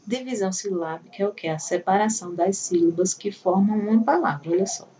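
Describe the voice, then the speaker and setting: A woman's voice: medium pitch, brisk, warm tone. A woman teacher giving a patient primary school lesson, walking through examples one by one. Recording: voice a bit far from the mic, faint room noise.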